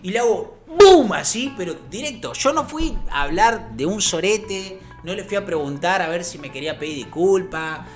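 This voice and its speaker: A man in his thirties with an Argentine Rioplatense accent, telling a story in a crude, animated, swaggering way with sound effects. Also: sits high, moderate pace, hardly any pauses, faint music behind. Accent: Argentine Rioplatense Spanish. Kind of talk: casual storytelling vlog.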